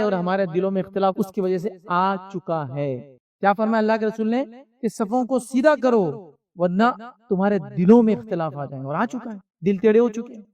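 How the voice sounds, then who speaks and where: A man's voice: high voice, a little mellow, distant mic. A man giving a conversational religious lecture, asking rhetorical questions and answering them himself. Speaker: Islamic lecturer.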